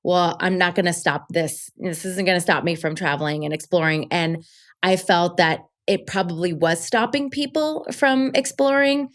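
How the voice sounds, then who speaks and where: Upbeat female podcast guest, slightly low pitch, casual and chatty. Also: moderate pace. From Colombia. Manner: chatty, upbeat storyteller with fillers. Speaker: podcast guest, travel show creator. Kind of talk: casual interview chat.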